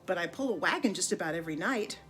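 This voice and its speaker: A woman's voice: on the low side, expressive, fast talker, a bit bright. A woman voicing a brave, eager young reindeer doe in a picture-book story, with earnest, childlike wonder. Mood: eager, polite.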